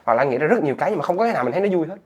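A man's voice: a little high, expressive, racing, a little mellow, breathy edge, dull audio. A young man with a southern Vietnamese accent, a comedian guest chatting casually and telling stories with animation.

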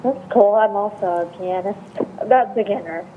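A woman's voice: medium pitch, moderate pace, narrow, tinny audio, slight background noise. A woman calling into a radio show, speaking politely and a little hesitantly, with some uh fillers. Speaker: caller. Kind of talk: phone-in chat.

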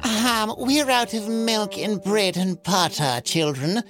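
A woman's voice: medium pitch, slow pace, natural voice. A woman doing a prim talking refrigerator. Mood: matter-of-fact. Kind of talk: storybook character voice. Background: background music.

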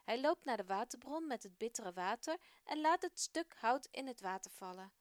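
Female storyteller, gentle expressive read-aloud, slightly high, dry close sound. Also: normal speed, no echo. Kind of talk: storybook narration.

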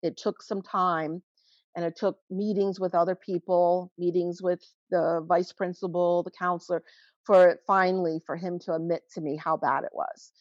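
A woman in her forties speaks as a guest about her family, earnest and halting, often restarting her thoughts. Her voice sits fairly low. The recording is dry and a little muffled. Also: darkish tone, dry recording. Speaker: guest, mother of a teen who vaped. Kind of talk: emotional personal account in interview.

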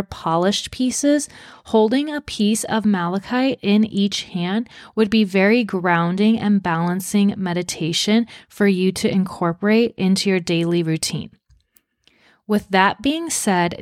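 A woman's voice: mid-range voice, dry recording, studio quality. A woman podcast host giving scripted, explanatory wellness narration. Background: new-age music.

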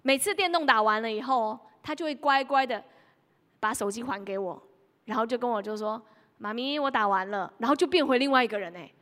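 Lively woman preacher in a reverberant hall. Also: on the high side, fairly quick. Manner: lively storytelling, mimics her child and addresses the congregation directly. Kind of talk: sermon.

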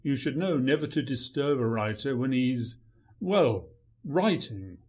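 A man's voice: mid-range voice, expressive, unhurried, a little mellow, natural voice. A man playing a grumpy male writer, dry, sarcastic and dismissive in a radio play. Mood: sardonic.

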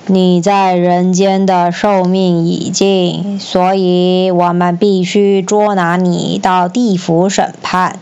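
A woman voicing expressionless ox-headed underworld guards who speak slowly and flatly. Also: fairly low pitch, smooth, muffled recording. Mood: cold. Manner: flat, expressionless, slow.

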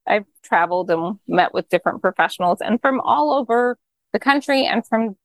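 A woman's voice: medium pitch, lively intonation, normal speed, dry recording. A woman hosting a conversational interview, thinking aloud and praising her guest with enthusiasm. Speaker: podcast host.

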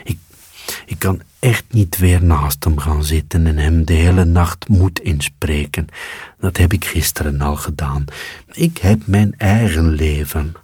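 A weary, self-absorbed female cat from a storybook, voiced by a man. She speaks softly and subdued, low and husky. The sound is dry and close. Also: unhurried, dry recording, full character voice. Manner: soft, sighing, subdued. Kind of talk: storybook reading.

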